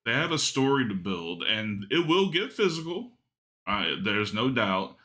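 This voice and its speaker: A man co-hosting a podcast, chatting casually and reasoning through his opinions in a measured way. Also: medium pitch, sing-song, pushed and bright. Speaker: podcast co-host. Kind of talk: casual analytical chat.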